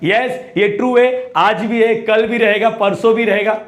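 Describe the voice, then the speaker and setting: High-voiced math teacher. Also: male voice, fairly even intonation, measured pace. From Mumbai, India. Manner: repeats questions and prods students to answer; mixes casual Mumbai street Hindi with English terms. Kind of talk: lively classroom-style lecture.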